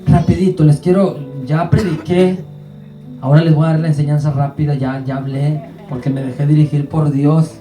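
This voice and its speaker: A man preaches from the pulpit, telling stories and acting out the voices in them. His voice is mellow and dark. It rings in a roomy church, with a guitar playing faintly behind. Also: a little high, flat delivery, moderate pace, far from the mic. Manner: storytelling, acting out quoted voices. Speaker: pastor. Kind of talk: sermon.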